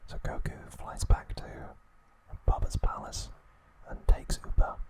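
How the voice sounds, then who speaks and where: Whispering in soft, breathy ASMR style, a man delivers a scripted recap in short, slow, deliberate phrases.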